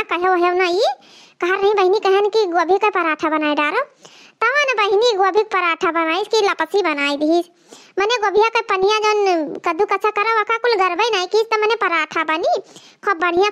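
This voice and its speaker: A woman voicing a scolding old village mother-in-law in a cartoon comedy, speaking with an Awadhi accent in a loud, nagging, complaining way. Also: very high voice.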